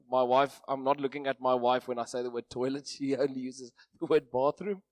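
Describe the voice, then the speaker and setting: A man with an Afrikaans accent, a native Afrikaans speaker, gives an informal sermon in a hoarse, strained voice with a self-deprecating, jokey manner. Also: fairly high pitch, dry recording. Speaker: preacher.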